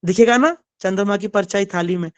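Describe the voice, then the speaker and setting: High, clear-voiced male storyteller. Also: brisk, no echo. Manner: animated storytelling, asks the audience. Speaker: spiritual storyteller. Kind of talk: devotional story sermon.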